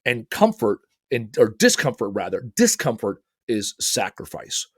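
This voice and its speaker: A man hosting a show and talking casually. He tells stories bluntly, swears freely and gets animated. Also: mid-range voice, measured pace, slightly rough, dry recording, clean studio sound. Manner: blunt, profane, animated storytelling. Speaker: podcast host and author. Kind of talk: casual motivational talk.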